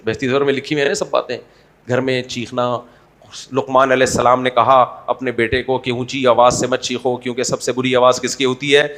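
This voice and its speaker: A man's voice: medium pitch, little pitch movement, a bit bright. A man preaching an Islamic sermon in a conversational, humorous way, asking the audience rhetorical questions. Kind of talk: Urdu sermon.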